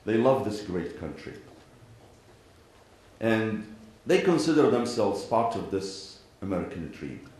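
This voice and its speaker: Speaking to a crowd in a big indoor space, this Iraqi-accented man from Iraq and Kuwait is an imam giving a formal address. His voice sits fairly low, very animated yet slightly mellow, and he clears his throat frequently while pacing his words deliberately, pausing and repeating parallel sentences. Faint noise hangs in the strongly echoing hall.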